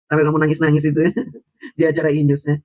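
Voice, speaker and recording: A man's voice: a little high, darkish tone. A man doing an angry political vlog, mocking and insulting his opponents with scornful laughs. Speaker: political commentator.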